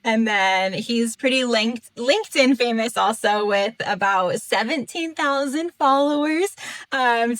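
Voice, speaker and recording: A woman's voice: a little high, fairly bright tone, no echo. A woman hosting a podcast interview, introducing her guest and asking questions in a friendly, upbeat manner. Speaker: podcast host.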